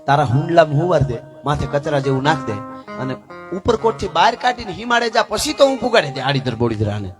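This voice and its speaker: A man's voice: on the high side, big pitch swings, fast, music in the background. A man voicing a fiercely devoted royal maidservant in a folk tale, in an emotional, pleading storytelling manner. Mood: urgent, commanding.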